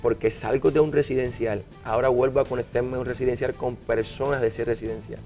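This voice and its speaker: A young Puerto Rican man, a minister, telling his life story in an interview, earnest and halting with many restarts. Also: mid-range voice, mellow. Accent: Puerto Rican Spanish. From Puerto Rico. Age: young adult. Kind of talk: personal testimony interview.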